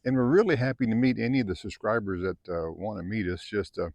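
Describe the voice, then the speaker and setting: A man's voice: fairly low pitch, fast talker, vocal fry, darkish tone, no room sound. A middle-aged man talking casually to camera at a desert camp, rambling easily with lots of fillers. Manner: easygoing, rambling, many fillers. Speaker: vlogger. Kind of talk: casual vlog talk to camera.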